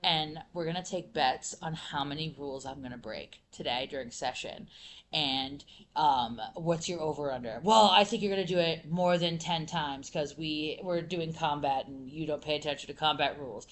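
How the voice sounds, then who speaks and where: Panel speaker, woman teacher, lowish voice, animated, lots of fillers. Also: moderate pace, slight background noise. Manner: animated, many fillers and restarts. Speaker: middle school teacher and panelist. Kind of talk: conference panel talk.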